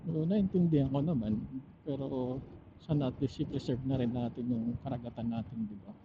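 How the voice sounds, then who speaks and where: Through a dull-sounding helmet intercom with a little noise, a man with a Filipino accent rambles reflectively during a solo ride, stopping partway through thoughts. He's a motovlogger and angler, speaking at medium pitch in a steady tone.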